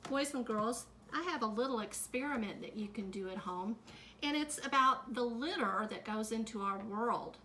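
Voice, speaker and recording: A middle-aged woman teacher reading a picture book aloud to children, adding gentle comments as she goes. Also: on the high side, a little hiss or hum. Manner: slow, gentle storytime delivery with added comments to kids.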